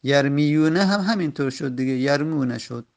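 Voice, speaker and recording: A man teaching a grammar lesson, explaining each step methodically with short pauses. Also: fairly high pitch, creaky.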